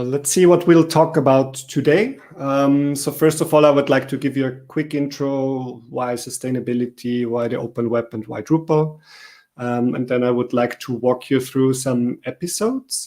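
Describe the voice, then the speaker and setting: A man from Austria giving a talk at an online meetup, relaxed and speaking with frequent ums and uhs, over a video call. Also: medium pitch, moderate pace. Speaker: conference speaker.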